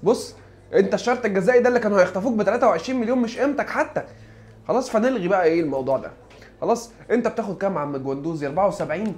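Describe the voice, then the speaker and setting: A young man with an Egyptian Arabic accent, joking and excitable as he gives playful commentary on a football manager game. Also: high voice, very fast. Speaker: gaming YouTuber.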